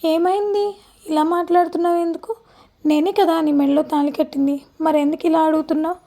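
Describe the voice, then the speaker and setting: A woman's voice: very high-pitched, steady tone, brisk, creaky, warm tone. A woman reading as a tender young husband. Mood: earnest.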